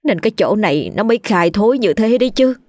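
A storyteller voicing a scheming middle-aged village wife who sneers at her husband and fakes loud wailing for her dead mother-in-law. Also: medium pitch, expressive, fast, no echo, studio quality, pitched above the performer's own voice, lightly acted. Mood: whining. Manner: sneering, then theatrically wailing.

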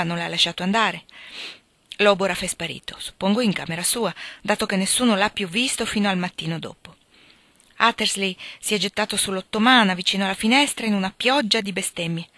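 A woman reading a classic novel aloud in a steady, expressive narration. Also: mid-range voice, no echo. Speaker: reader. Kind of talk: audiobook narration.

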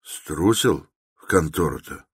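A man voicing a detached, brooding young male ex-student in a narrated story, speaking quietly and lazily. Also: low-pitched, moderate pace, slightly rough, no echo, clean studio sound. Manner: quiet, lazy, absent-minded speech.

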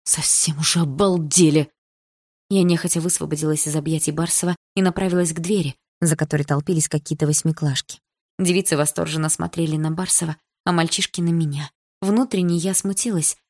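Audiobook narrator, woman, slightly low pitch, expressive first-person reading. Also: fast. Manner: lively, shifts into character voices.

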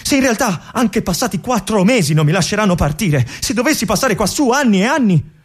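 An actor performing a stage monologue as a restless young army lieutenant stuck in a remote fortress. His husky voice often drops to a whisper. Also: sits high, sing-song, a little fast, exaggerated voice. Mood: brooding, restless. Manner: introspective, swings between hushed musing and agitated outbursts. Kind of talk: theatrical monologue broadcast on radio.

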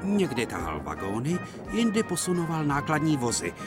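A man narrating a dubbed children's series in a gentle, expressive storytelling manner. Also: a little high. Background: music.

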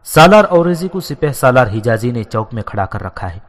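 A man's voice: medium pitch, big pitch swings. Man reading as a humble palace servant. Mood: reporting. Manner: deferential, reporting. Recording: long hall reverb.

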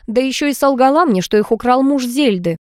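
A woman voicing a composed, educated older woman who speaks in a measured, lecturing way in an audiobook. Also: high voice, expressive, a little mellow, no room sound, studio quality, pitched above the performer's own voice. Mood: reproachful.

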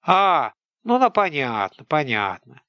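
A male reader voicing a suspicious old village grandfather who speaks slowly and warily. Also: fairly high pitch, huge pitch swings, no echo, lo-fi sound. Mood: wary. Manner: slow, drawling and wary.

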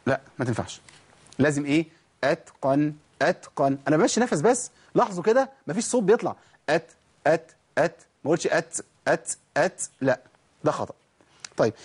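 A man's voice: on the high side, darkish tone, husky. A man with an Egyptian accent teaching Quran recitation, asking questions and answering them himself, and repeating words to show how letters sound. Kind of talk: recorded recitation lesson.

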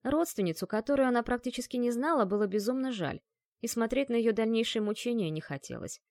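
A woman reads fantasy fiction aloud in a measured, expressive way. Her voice is fairly high. The recording is dry and close, with no room sound. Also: dry recording. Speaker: audiobook narrator. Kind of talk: scripted narration.

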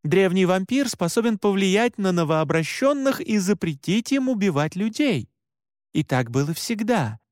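A man's voice: sits high, big pitch swings, normal speed, no room sound, studio quality, voice pushed up. A man voicing a stern, blunt female monster hunter in an audiobook, firm and lecturing. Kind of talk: audiobook character voice.

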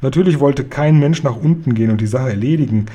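A man reads a children's story aloud in a calm, even manner. His voice is mellow and dark, at a middling pitch. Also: fast, husky. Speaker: reader of a children's book.

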